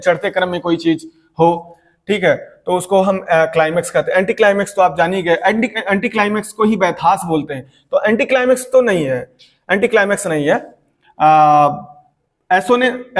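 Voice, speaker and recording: A man teaching an exam-prep lecture, reading each question slowly and then explaining it again and again. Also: high voice. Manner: reads questions aloud slowly, then explains at length with many repetitions.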